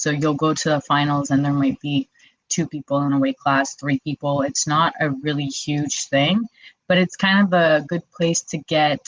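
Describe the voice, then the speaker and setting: Speaking in a low voice on a rough recording, a Quebec wrestler in her twenties tells her story as a guest in a laid-back interview. "Like" peppers nearly everything she says.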